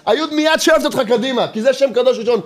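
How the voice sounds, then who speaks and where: In a very high register, a man teaching Torah repeats himself insistently and leans on rhetorical questions, keeping things lively with touches of humor.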